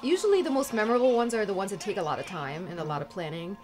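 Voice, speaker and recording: Animated and rapid-fire at medium pitch, a young German fashion blogger from Munich eagerly shows off her wardrobe in a casual interview. Her talk is loaded with "like" and "you know," and the echoey room has music going in the background.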